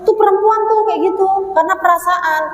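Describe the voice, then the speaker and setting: A woman, a religious teacher addressing a women's study group in a lively, joking way, then leading recited prayers. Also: very high voice, brisk. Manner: animated, joking, mimics people. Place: prayer gathering hall. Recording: echoey hall with faint hum.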